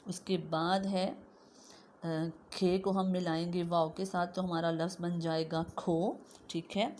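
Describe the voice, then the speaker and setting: A woman teacher giving a slow lesson to young children, drawing out syllables and often checking in with "okay". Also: fairly low pitch, level tone, darkish tone, slight background noise.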